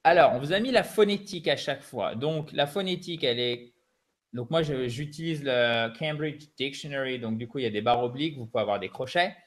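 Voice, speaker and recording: A man's voice: medium pitch, fairly quick. French man teaching English pronunciation. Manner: chatty, joking, explains step by step. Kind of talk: bilingual language lesson.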